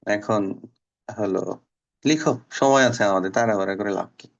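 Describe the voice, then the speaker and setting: A man's voice: fairly low pitch, vocal fry, muffled recording. Patient male teacher drilling pronunciation. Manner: patient, repeats words slowly to drill pronunciation. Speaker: Bangla teacher. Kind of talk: online class lesson.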